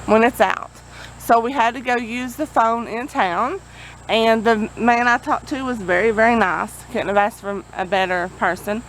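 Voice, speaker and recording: Standing outdoors by a road, a vlogger gives a rambling, folksy update while a generator drones and vehicles pass. She has a fairly bright, somewhat high voice, captured with poor audio.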